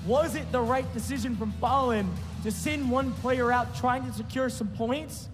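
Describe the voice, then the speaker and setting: A high-voiced male esports caster delivers live play-by-play with dramatic emphasis and punchy phrases. His excited commentary rings with long hall reverb, and music plays clearly underneath. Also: moderate pace.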